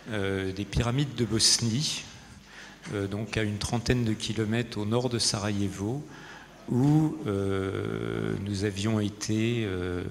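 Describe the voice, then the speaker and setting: A man giving an informal conference talk, hesitant and often pausing in the middle of his sentences. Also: lowish voice, gravelly. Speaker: conference speaker. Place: conference hall. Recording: reverberant hall, faint noise and audience.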